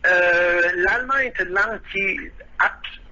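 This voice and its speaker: A man's voice: high-pitched, unhurried, bright, forceful tone, dull audio. A man from Quebec with a Quebec French accent, talking hesitantly as a radio interview guest, with many fillers as he searches for words. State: nervous. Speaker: guest musician living abroad.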